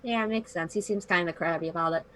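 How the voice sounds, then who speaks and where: A woman's voice: on the low side, fast talker, a bit bright, a little hiss or hum. A woman playing a tabletop game, chatting casually and role-playing in an informal, breezy way.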